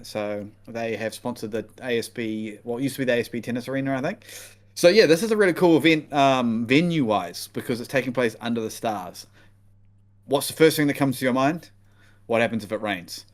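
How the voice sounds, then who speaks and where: Podcast co-host, male, broad Kiwi accent, relaxed slangy delivery, casual fight-preview chat. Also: medium pitch, fairly quick. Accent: broad New Zealand. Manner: laid-back, slangy.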